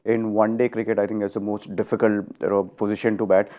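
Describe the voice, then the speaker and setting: A man giving cricket analysis on a panel, measured and peppered with "you know". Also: on the low side, level tone, mellow.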